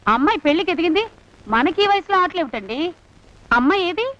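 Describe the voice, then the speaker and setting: A woman's voice: very high-pitched, sing-song, fairly quick, fairly bright tone, exaggerated voice. An actress playing a clingy woman who insists she is the man's wife from a past life, talking in a coaxing, sweetly insistent way. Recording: dull film soundtrack, clear noise.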